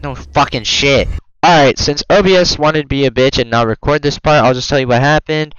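A man playing a video game and commenting, rambling, swearing often and bursting into loud excited outbursts, close to his microphone. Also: medium pitch, a little fast, smooth, no echo, lo-fi sound. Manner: rambling, stumbling over words. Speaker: gamer. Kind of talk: let's play commentary. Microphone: close desk mic.

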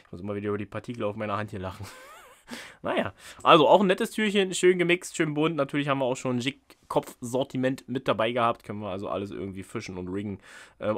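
A fishing channel host sits at a table indoors for a casual unboxing vlog, chatty and joking as he thinks aloud with fillers. His voice is medium-pitched and a bit bright, picked up by an off-camera microphone while a camera shoots from above.

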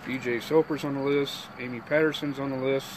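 A man in relaxed casual chat on an outdoor livestream, reading names off a list and chatting easily. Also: mid-range voice, brisk, a loud crowd, rough recording.

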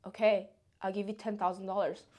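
A woman's voice: medium pitch, flat delivery, fairly quick, a little mellow, lightly acted. Girl doing her sheepish boyfriend begging, meek and sorry. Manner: meek, apologetic. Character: sheepish pleading young boyfriend.

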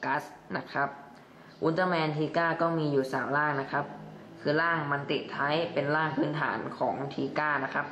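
A man's voice: on the high side, steady tone, normal speed, pushed and bright. A young man chatting casually through a toy review and padding his sentences with polite particles. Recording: echoey room, faint background noise.

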